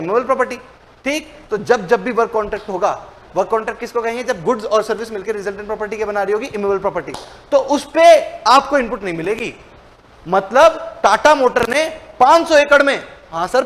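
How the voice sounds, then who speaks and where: Fast, high-voiced commerce teacher. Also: male voice. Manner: animated, asks and answers his own questions. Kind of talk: lecture.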